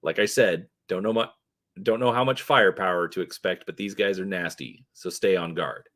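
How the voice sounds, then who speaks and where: A hard-edged female mercenary with clipped, businesslike lines, read by a man in his own very low voice. The delivery stays plain rather than acted. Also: moderate pace, fairly bright tone. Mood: brisk. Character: tough, terse female street mercenary.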